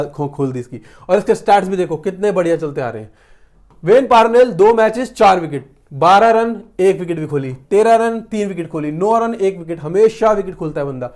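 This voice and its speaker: A man's voice: high-pitched, a little mellow. A man giving casual, blunt fantasy cricket tips to his viewers, chatty and direct, calling them brothers. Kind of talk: casual talk to camera about cricket picks.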